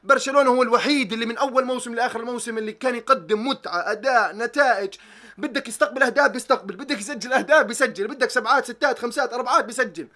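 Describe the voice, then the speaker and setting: A man's voice: very high-pitched, racing, bright, forceful tone. A young man, ranting animatedly about football as a vlogger, swearing oaths and mocking tactics talk. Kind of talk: excited football reaction rant.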